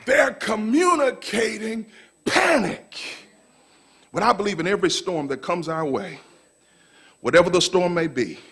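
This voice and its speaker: Gravelly high-voiced preacher man, shouting. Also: lively intonation, a little fast. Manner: shouting, repeating phrases for emphasis. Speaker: pastor. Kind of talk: call-and-response sermon. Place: church sanctuary.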